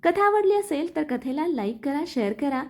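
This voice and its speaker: A woman's voice: high voice, lively intonation, moderate pace. A woman narrating a dramatic love story, reading out the scene cues along with the story.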